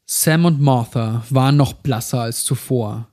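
A man narrating a first-person horror story in a measured, somber way. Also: medium pitch, a little mellow.

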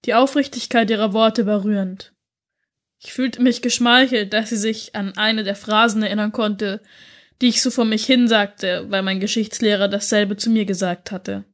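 A woman narrating a scripted story in a measured, emotional storytelling manner. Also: medium pitch, fairly even intonation.

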